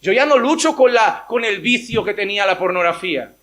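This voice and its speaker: A man's voice: high voice, lively intonation, brisk, a bit bright. A male pastor preaching a sermon in a church, emphatic, with rhetorical questions and voices acted out as quotes.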